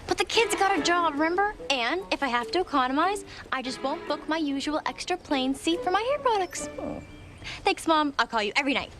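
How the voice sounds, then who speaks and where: A woman's voice: high voice, lively intonation, brisk. A young woman playing a spoiled, dramatic, fashion-loving teenage girl in a television family comedy, breezy and wheedling. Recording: music clearly behind.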